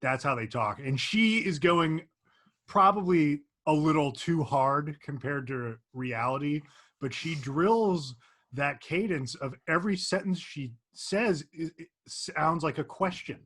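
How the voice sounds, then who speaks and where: Husky-voiced easygoing young man. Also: fairly high pitch, measured pace, a bit bright. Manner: easygoing, reflective, laughs often. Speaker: podcast co-host. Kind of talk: casual chat.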